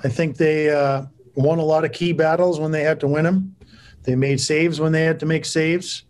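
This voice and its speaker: A man in his forties, a hockey coach, answers postgame press questions over a laptop video call from his cinder-block-walled office. His voice is a little high and darkish, with a steady tone and moderate pace. He's plain-spoken and often restarts sentences or uses fillers.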